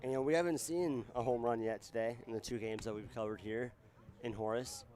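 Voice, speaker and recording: A man's voice: mid-range voice, steady tone, fairly quick, darkish tone. A man working as color commentator on a baseball broadcast. He talks in a conversational way and explains where the game stands. He is recorded in a broadcast booth at an outdoor ballpark.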